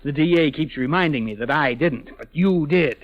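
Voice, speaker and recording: Guy acting as grumbly old-time am radio police sergeant, highish voice, slangy and blunt, muffled vintage sound. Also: normal speed, close to an everyday voice. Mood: blustering, baffled. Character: gruff, exasperated, slangy male police sergeant. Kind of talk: 1940s radio detective drama acting. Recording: muffled 1940s AM radio recording.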